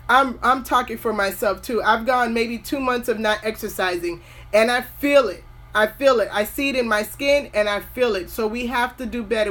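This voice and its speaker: A woman's voice: a little high, a bit bright. A woman in her forties hosting a skincare video, giving earnest, motivational advice and drifting off topic now and then. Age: 40s. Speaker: skincare host. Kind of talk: casual talking-to-camera advice.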